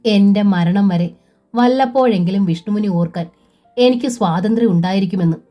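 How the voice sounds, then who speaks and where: A woman voicing a gentle young widow, pleading and emotional, in a storybook reading. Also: mid-range voice, normal speed, soft background music, close to an everyday voice. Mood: tender.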